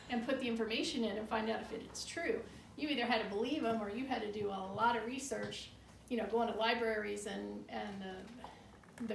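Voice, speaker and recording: Her voice slightly high and creaky, a woman guiding a tour shares local legends casually, sounding skeptical and matter-of-fact. She's inside a room of an old bar building, recorded from afar with roomy echo and faint background noise.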